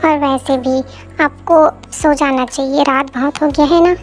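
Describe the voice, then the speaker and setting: A woman's voice: high voice, steady tone, a little slow, faint music behind. A woman voicing a carefree, dismissive young son in an amateur dubbed story. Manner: dismissive, breezy.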